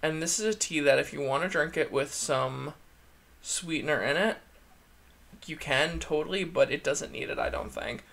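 A campy drag queen, a man with a fairly high voice full of vocal fry. He chats casually through a product review and gushes as he goes. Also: normal speed, fairly bright tone. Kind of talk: casual chatty video review. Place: indoor room, seated at a desk.

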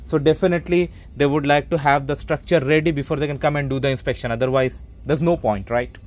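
A fast-talking homeowner vlogger with a steady, fairly high voice narrates a casual walkthrough of his basement renovation, full of fillers and restarts. Shot first-person on a handheld or body camera, it moves from the unfinished basement to an outdoor stairwell.

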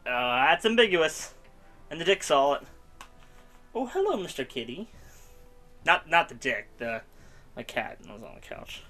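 A young man talks through a story game in a loose, rambling way, poking fun at himself as he goes. His voice sits at an ordinary middle pitch. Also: animated, pushed and bright, soft background music. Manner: rambling, self-mocking, quick laughs. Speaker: gaming YouTuber. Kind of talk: casual let's-play commentary.

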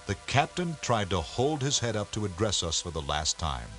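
A man giving measured, scripted storybook narration for an educational game. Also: on the low side, big pitch swings, a bit bright, soft background music.

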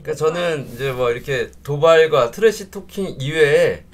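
Male interviewer. Polite, conversational, fairly high voice with lively intonation, faint noise behind. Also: normal speed.

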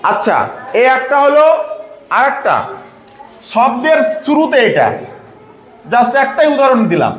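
A man teaching a phonics lesson to pupils, patiently repeating sounds slowly and quizzing them. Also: extremely high pitch, big pitch swings, fairly bright tone. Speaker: English teacher. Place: echoey classroom with pupils. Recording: echoey room, faint background noise.

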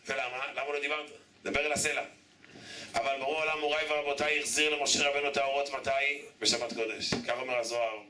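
Male rabbi with a higher voice, sermon with repeated rhetorical questions, distant noisy room recording. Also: sharp tone. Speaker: rabbi preaching to a congregation. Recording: echoey room, distant mic, background noise.

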